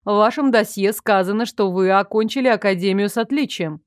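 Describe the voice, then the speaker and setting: A woman reading an audiobook voices a sharp-tongued, disapproving older female archivist who talks bluntly and scornfully. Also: mid-range voice, a little fast, dry recording, studio quality, lightly acted. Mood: curious.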